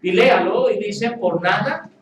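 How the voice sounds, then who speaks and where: Male pastor, animated and playful sermon delivery, heard from a distance in a roomy church. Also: sits high, a little slow, a loud crowd. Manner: animated, playful, acts out quoted voices. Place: church hall with congregation.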